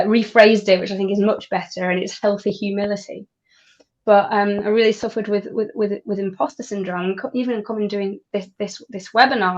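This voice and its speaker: Enthusiastic woman on a lo-fi call. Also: medium pitch. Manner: enthusiastic, many restarts. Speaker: airline pilot and nutrition coach, guest. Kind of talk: conversational interview.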